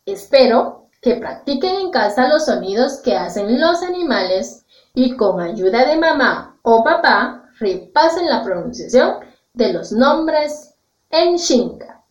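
A woman teaching a children's language lesson, enunciating slowly and carefully and repeating words for pupils to echo. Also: high-pitched, very animated. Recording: echoey, dull lo-fi room sound.

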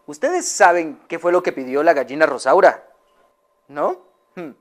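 A woman telling a children's story aloud, drawing her listeners in with questions. Her voice rises and falls in wide, lively sweeps, with slow, dramatic pauses. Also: deep voice. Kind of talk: children's story reading to an audience.

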